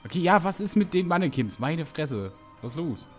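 A man's voice: fairly high pitch, very animated, normal speed, soft background music. A man giving casual gameplay commentary, chatty and joking as he reacts aloud. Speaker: let's play streamer.

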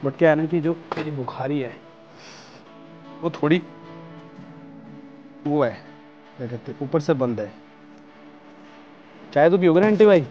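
A man chatting excitedly to camera from inside a small tent with a wood stove, slipping English words into his talk. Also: on the high side, measured pace, pauses often, dull audio, soft background music. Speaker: camping vlogger. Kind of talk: casual chat to camera.

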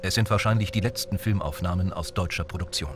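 A man reading scripted documentary narration in a measured, even way. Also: low-pitched, background noise. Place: voice-over booth. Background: documentary score.

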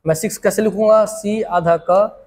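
A young man with a Chhattisgarhi accent giving an animated exam coaching lesson, repeating words and using memory tricks. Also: high-pitched, moderate pace, long reverb tail, a little hiss or hum. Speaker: teacher.

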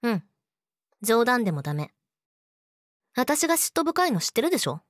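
A woman's voice: on the high side, sing-song, normal speed, no room sound, clean studio sound. A woman playing a sweet but eerily obsessive, jealous young girlfriend in a teasing audio drama spoken to the listener. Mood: jealous, reproachful. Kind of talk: Japanese situation voice audio drama, addressed to the listener.

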